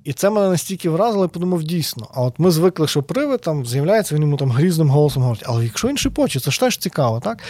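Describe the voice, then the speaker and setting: A man as a podcast guest, a sociologist explaining ideas in an animated, conversational way and often checking in with tag questions. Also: on the high side, no room sound, studio quality.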